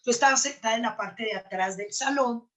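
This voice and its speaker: A woman's voice: a little high, fairly quick, a bit bright. A middle-aged woman, an NLP trainer, telling a story in a live talk and acting out both sides of a dialogue.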